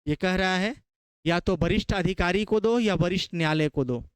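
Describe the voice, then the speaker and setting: A man's voice: high voice, moderate pace, clean tone, no room sound. A man from Bihar with a Bihari Hindi accent, teaching a classroom lecture, quizzing his students and repeating key terms.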